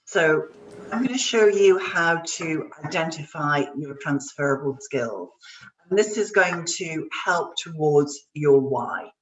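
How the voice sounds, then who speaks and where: A woman's voice: low-pitched, animated, slow, far from the mic, slight background noise, rough recording. A woman career coach giving an online workshop, speaking in an upbeat, encouraging way directly to her audience. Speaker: career coach and webinar presenter.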